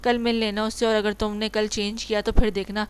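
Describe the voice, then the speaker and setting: A steady young husband, serious on the surface and holding back a smile, as a woman narrator plays him. The delivery is smooth and even, without big swings. He speaks in an audiobook romance. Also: medium pitch, lightly acted. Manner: serious, half-amused, gently warning. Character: young husband, calm, teasing, quietly firm.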